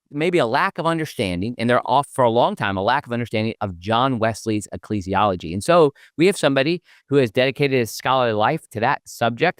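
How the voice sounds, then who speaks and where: A man's voice: mid-range voice, no echo, studio quality. A man hosting a podcast interview, talking in an upbeat, promotional way. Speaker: podcast host.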